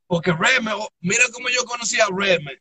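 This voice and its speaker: A man from the New area hosts a loose, animated interview. He slides between Spanish and English street slang. His voice sits high for a man and has a bright, forceful edge. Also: a little fast, no echo. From New York area. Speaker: interviewer, rapper. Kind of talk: casual interview chat.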